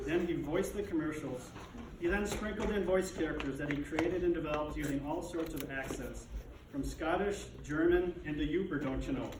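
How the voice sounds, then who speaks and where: Speaking to a gathering in an echoey room, a son delivers a prepared eulogy for his father with restrained, dignified grief and fond, wry humor. His voice is on the high side, and the recording is distant, echoey, and noisy from a far-off microphone.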